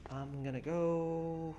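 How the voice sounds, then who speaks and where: A young man with a fairly high, warm voice streams a video game over lo-fi audio, with game music behind him. His casual gameplay commentary is chatty and full of laughter as he reads and answers chat and mutters to himself while playing.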